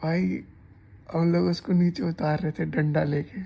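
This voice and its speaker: A man's voice: on the high side, little pitch movement, unhurried, vocal fry, dull audio, a little hiss or hum. A man casually recounting a dream in a chatty, rambling way, full of restarts and asides. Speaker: storyteller. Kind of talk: casual storytime narration.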